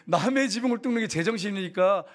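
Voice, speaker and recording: A man's voice: high-pitched, moderate pace. A middle-aged male pastor, preaching a sermon animatedly and putting rhetorical questions to the congregation.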